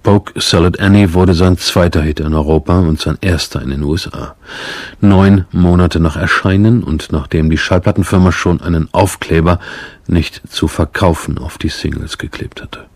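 A man hosting a radio program, narrating calmly and paraphrasing a guest's words. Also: deep voice, normal speed, no room sound. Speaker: radio host.

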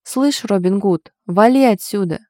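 A woman narrator voices a drunk, bitter ex-boyfriend who sneers and bullies in a storybook scene, sounding menacing. The voice is mid-range, dark and mellow, close to an everyday voice, dry and close with no echo, at a moderate pace. He pushes harder and louder than the calm narration around him.

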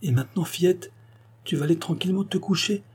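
A man's voice: high voice, fast talker, a little mellow, breathy edge, voice pushed up. A man reading an audiobook, voicing a jovial, teasing old country doctor in a raised, hearty voice.

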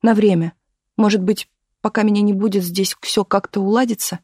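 A reader voicing a frightened, weary young actress who speaks quietly and pleadingly, often close to a whisper. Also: mid-range voice, fairly even intonation, brisk, slightly rough, no room sound, natural voice.

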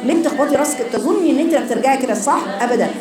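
A woman with an Egyptian accent teaching Quran recitation, correcting students and repeating sounds slowly for them. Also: high-pitched, roomy sound, crowd noise. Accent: Egyptian Arabic. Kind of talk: tajweed class instruction.

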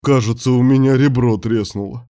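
A man's voice: medium pitch, fairly even intonation, normal speed, mellow, voice pushed up, close to an everyday voice. A man reading an audiobook voices a whiny, wheedling young man who pleads and teases. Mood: whiny pleading.

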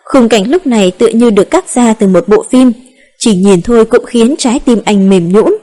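A woman narrating a romance novel in a calm, steady reading voice. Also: a little high, normal speed. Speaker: audiobook narrator.

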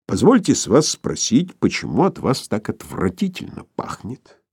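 A man gives voice to a weary, dignified older professor for a storybook. He speaks in a measured way, with pitch that rises and falls freely. Dry, close sound. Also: huge pitch swings, darkish tone, husky, no room sound, exaggerated voice. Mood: disgusted. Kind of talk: audiobook character voice.

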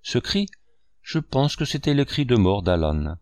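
A man voicing a sly, wheedling middle-aged pirate cook who coaxes and pleads in a low voice. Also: animated, moderate pace, darkish tone, dry recording, studio quality. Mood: cold. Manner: coaxing, pleading.

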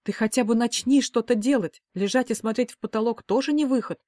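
A woman's voice: fairly high pitch, a little fast, a little mellow, no room sound, studio quality, voice pushed up, lightly acted. A woman voicing a worried middle-aged mother who scolds and pleads emphatically. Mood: urging.

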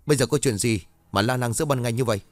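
A man voicing a gruff, impatient older village man who scolds bluntly. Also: mid-range voice, racing, no room sound, lightly acted. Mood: scolding.

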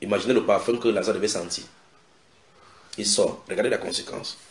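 A man preaching a sermon, retelling scripture dramatically with sudden shouted quotes and direct questions to his listeners. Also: on the low side, steady tone, brisk, a little hiss or hum. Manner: asks the audience direct questions. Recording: echoey room.

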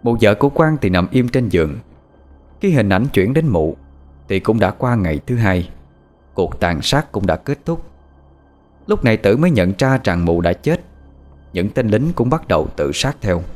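A male storyteller with a lowish voice that swoops up and down as he tells a horror tale. He keeps a dramatic, scripted delivery, with soft music playing underneath. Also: big pitch swings, normal speed, pauses often.

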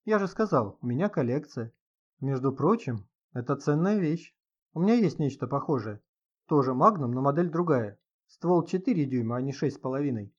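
A man's voice: mid-range voice, animated, normal speed, dull audio, close to an everyday voice. A man reading an audiobook, voicing a self-assured gun collector who talks in a curt, confident way.

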